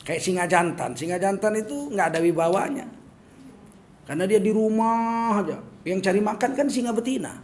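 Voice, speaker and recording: A man's voice: high voice, vocal fry, a little hiss or hum. A middle-aged man from Medan with a Medan accent, giving a humorous sermon and acting out little scenes as he talks. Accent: Medan Indonesian. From Medan, North Sumatra. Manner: joking and animated, acting out little scenes in asides. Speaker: preacher.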